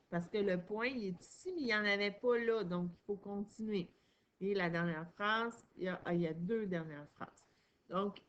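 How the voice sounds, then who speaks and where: In a reading lesson for a small child, a woman with a medium-pitched voice patiently encourages her pupil and stresses each sound and syllable. The recording has the highs cut off and a slight background noise.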